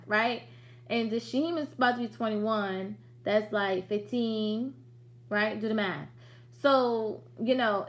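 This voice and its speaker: A woman's voice: fairly high pitch, a bit bright. Lady in her late 30s doing a business live on her phone, casual, pushy in a friendly way. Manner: chatty, direct and motivating, with slangy asides. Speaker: business coach hosting a livestream. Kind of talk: casual livestream talk.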